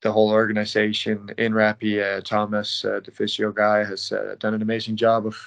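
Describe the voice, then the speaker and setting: In a lowish, gravelly voice with a completely flat delivery, a Danish man in his late twenties talks briskly as he answers interview questions. He plays ice hockey professionally and keeps things casual, laid-back and soft-spoken.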